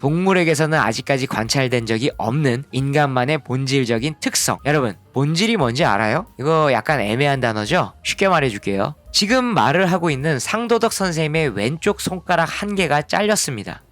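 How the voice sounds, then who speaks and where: A man teaching a middle school ethics lesson to students in a lively, animated way, acting out little dialogues. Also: on the high side, a little fast, few pauses, soft background music. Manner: animated, acts out mock dialogues, switches to casual speech. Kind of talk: lively online lecture to students.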